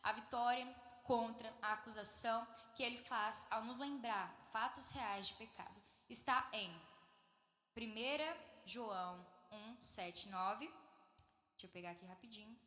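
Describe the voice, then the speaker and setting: Lively woman preaching in an echoey hall. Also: a little high, a little slow. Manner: lively, playful, directs the congregation to repeat phrases. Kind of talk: sermon. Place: church hall.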